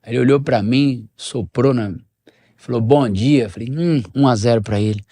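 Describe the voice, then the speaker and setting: A man's voice: moderate pace, dry recording. A middle-aged man, a pastor, telling a personal story, acting out the dialogue. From Brazil. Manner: animated storyteller, shifts pitch and level, acts out dialogue. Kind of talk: storytelling in a podcast interview.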